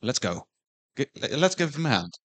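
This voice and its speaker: A man's voice: medium pitch, sing-song, normal speed, a bit bright, no echo. A man serving as session chair, announcing the next conference talk in an upbeat way. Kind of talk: introducing a speaker.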